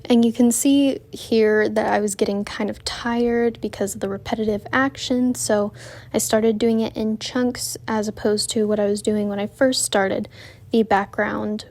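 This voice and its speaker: In a medium-pitched, slightly mellow voice with flat delivery and a measured pace, a woman narrates her drawing process for her art vlog. The voice-over is casual, chatty and rambling, full of self-corrections, and she's out of breath from walking.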